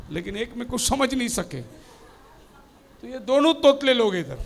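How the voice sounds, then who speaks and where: A man's voice: extremely high pitch, fairly bright tone. A man preaching a sermon, telling stories and asking rhetorical questions. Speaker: pastor.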